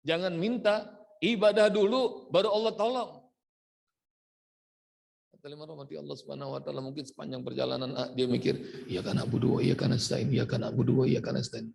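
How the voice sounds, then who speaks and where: A male preacher speaks at a middle pitch with a slightly gravelly texture. He delivers the sermon like a lively storyteller, bringing each character's dialogue to life. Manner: animated storyteller acting out dialogue.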